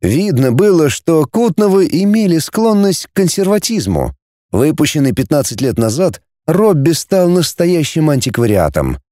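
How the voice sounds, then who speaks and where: A man reading an audiobook in a measured, expressive way. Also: a little high, dry recording, studio quality. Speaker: audiobook narrator.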